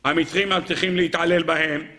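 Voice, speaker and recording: A man giving an animated Torah lecture to an audience, acting out quoted dialogue and asking rhetorical questions. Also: fairly high pitch.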